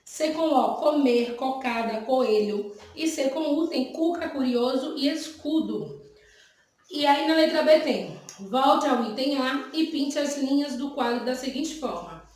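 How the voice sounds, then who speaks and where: A woman's voice: high voice, lively intonation, measured pace, a little mellow. A woman teacher with a Brazilian Portuguese accent who patiently explains exercises to young pupils, often checking in with them. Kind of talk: remote classroom lesson, explaining exercises. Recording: very echoey room.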